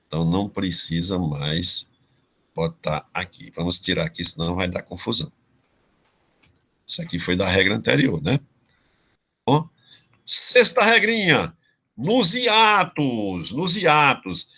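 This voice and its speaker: A man from Ceará teaching a Brazilian exam-prep class, explaining grammar rules slowly and checking in with his students again and again. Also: sits low, bright, forceful tone, breathy edge. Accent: Brazilian Portuguese, Ceará. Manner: drawn-out explanations with frequent "tá certo?" check-ins. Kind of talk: online exam-prep lesson.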